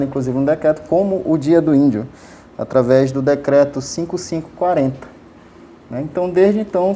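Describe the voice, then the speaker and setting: A hesitant man from Amazonas, Brazil, gives casual, explanatory interview answers full of fillers, restarts, and frequent tag questions. His voice is fairly high with a dark tone, and there's slight background noise.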